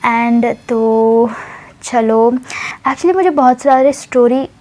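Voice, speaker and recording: A woman's voice: a little high, extremely slow, mellow. A young woman casually retelling a love story, chatty, mixing English words into her talk and laughing often.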